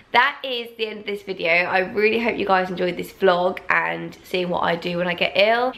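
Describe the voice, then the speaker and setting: A woman's voice: medium pitch, gravelly, a bit bright. Chatty woman with a cold. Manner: chatty and upbeat, fillers like "like" and "you know". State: congested, croaky from a cold. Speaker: vlogger. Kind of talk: casual vlog to camera.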